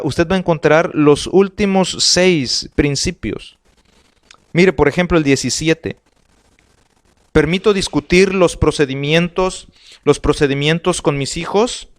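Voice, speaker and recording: A man with a Salvadoran Spanish accent giving an earnest family life sermon, reading slides aloud and repeating words as he goes. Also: medium pitch. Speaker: pastor.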